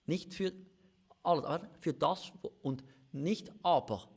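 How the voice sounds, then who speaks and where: A man's voice: a little high, a little slow, breathy edge. A man with a Swiss German accent, a pastor co-hosting a live-streamed marriage chat, talking in an earnest, confessional way. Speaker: pastor and co-host of a marriage talk. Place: church office.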